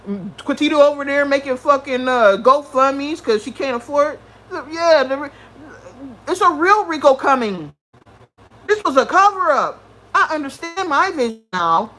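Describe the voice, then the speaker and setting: High-voiced woman ranting on a livestream. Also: poor audio. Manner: profane, animated, greets chat viewers. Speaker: livestream host.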